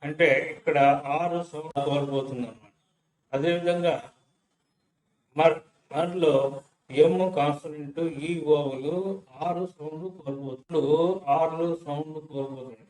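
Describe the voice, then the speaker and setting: A man's voice: a little high, a little mellow. A man teaching English pronunciation, splitting each word into its sounds and repeating them one by one. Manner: slow, breaks words into sounds and repeats them. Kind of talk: syllable-by-syllable pronunciation lesson. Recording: echoey room.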